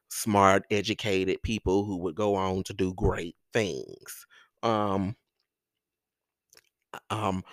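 A man's voice: low-pitched, no echo, studio quality. A man hosting a podcast, giving casual news commentary in a campy, theatrical manner. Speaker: podcast host.

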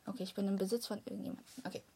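A woman's voice: mid-range voice, little pitch movement, racing, creaky, mellow. A young woman chatting casually in a guessing game, teasing and playful. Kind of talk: casual chat.

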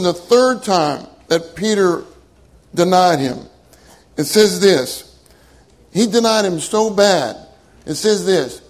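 A man with a high, light voice delivers an earnest sermon. He leans on his key phrases and repeats them for emphasis, speaking straight to his congregation. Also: low-quality recording. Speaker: minister.

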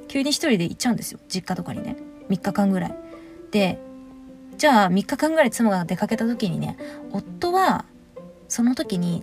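Frank, animated woman podcast host. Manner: lively, frank and animated, acting out quotes with big pitch swings. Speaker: podcast host giving marriage advice. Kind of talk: casual podcast monologue.

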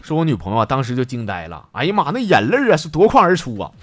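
A man's voice: mid-range voice, very fast, no room sound, soft background music. A man with a Northeastern Chinese accent hosting a radio-style show, telling listeners' funny stories and voicing the people in them. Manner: jokey, animated, voices the characters in his stories. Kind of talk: comedic storytelling.

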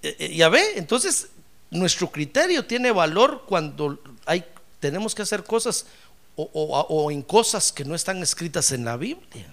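A man preaching a sermon in an animated way, with rhetorical questions, humor and loud exclamations of praise. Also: a little high, measured pace.

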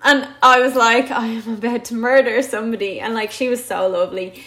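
A woman in her twenties with a Dublin Irish accent, telling a story in casual chat and acting out what people said in lively bursts. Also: fairly high pitch, a little fast. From Dublin, Ireland. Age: 20s. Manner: animated, quotes others in lively bursts.

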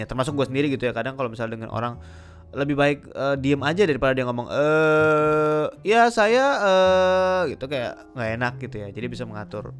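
A young man with Jakarta slang hosting a casual solo podcast, talking fast with many filler sounds. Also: medium pitch. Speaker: podcast host.

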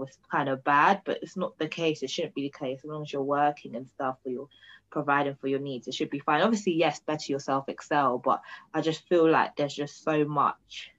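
Slightly dull recording, young woman, London accent, very low pitch, informal slangy podcast host. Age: early 20s. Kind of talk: casual chat.

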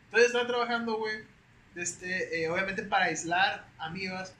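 A young man with a Mexican accent, a podcast guest telling stories in a slangy, animated, casual way. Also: sits high, moderate pace. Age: young adult. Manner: slangy, animated, peppers speech with güey. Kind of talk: casual storytelling chat. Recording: roomy echo with faint hiss.

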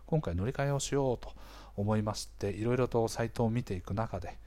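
A man with a slightly hoarse voice hosts a casual explainer, talking conversationally to listeners and often checking in with small interjections. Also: on the low side, brisk, dark tone. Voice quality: hoarse, gravelly-sounding voice. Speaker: podcast host.

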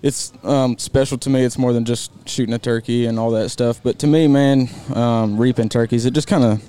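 A man's voice: mid-range voice, steady tone, a little fast, warm tone, clean tone. A man being interviewed in a casual chat, talking in a rambling, hedging way and saying "man" often. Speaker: guest, works for a call company. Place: event venue.

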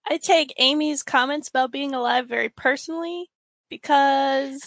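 A woman's voice: sits high, normal speed, a bit bright, no echo. A woman player in a tabletop game podcast, playful and giggly with a sing-song streak. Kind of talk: casual chat among players.

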